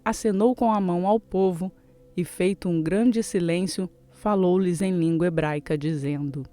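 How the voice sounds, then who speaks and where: A reader giving a measured, steady reading of scripture, as in a daily Bible reading plan. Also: mid-range voice, faint music behind.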